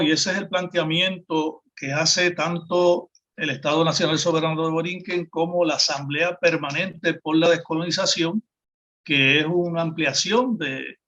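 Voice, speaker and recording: A Puerto Rican man hosting a political talk, his voice a little raised in pitch. He speaks formally for his group, and the audio sounds muffled and lo-fi. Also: fairly even intonation, normal speed, sharp tone. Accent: Puerto Rican Spanish. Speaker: host. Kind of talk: political discussion. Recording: dull lo-fi sound.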